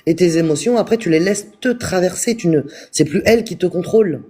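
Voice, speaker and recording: Calm man teaching spiritual growth. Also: high-pitched, brisk, slightly rough. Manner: calm, repetitive, addresses viewers directly. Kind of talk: live-streamed spiritual talk.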